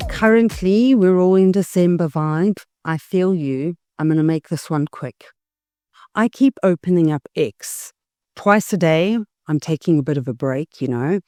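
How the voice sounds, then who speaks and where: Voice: mid-range voice, warm tone, no echo, clean studio sound. A political YouTuber, giving emphatic, scathing commentary and leaning hard on key words. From South Africa. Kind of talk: opinionated political commentary vlog.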